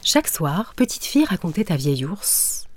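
A woman narrating a children's story in a gentle, measured way. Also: on the low side, big pitch swings.

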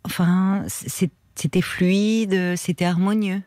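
A woman's voice: lowish voice, steady tone, slow, no room sound, clean studio sound. Female radio host rephrasing a caller. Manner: gentle, rephrases the caller's words and asks follow-up questions. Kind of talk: empathetic listening and reformulating. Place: radio studio.

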